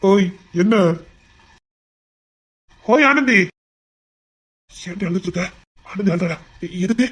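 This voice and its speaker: A man's voice: sits high, expressive, fairly bright tone, breathy edge, exaggerated voice. An actor playing a protective young village husband who teases and fusses over his wife, with a Tirunelveli accent. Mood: puzzled. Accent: Tirunelveli Tamil. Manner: teasing, quick, fussing. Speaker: actor in a family web drama. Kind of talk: village family drama acting.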